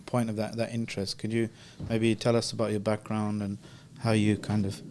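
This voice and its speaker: A man with a lowish voice hosts a casual podcast. He asks curious questions, hesitant and searching for words, filling gaps with little sounds. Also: monotone, moderate pace, a little mellow, a little hiss or hum. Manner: curious, hesitant, lots of fillers and backchannels. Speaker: podcast host.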